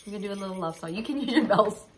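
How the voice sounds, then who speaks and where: A woman's voice: mid-range voice, lively intonation, racing. A woman hosting a children's music show, leading songs and games in a bubbly, sing-song way with lots of laughing.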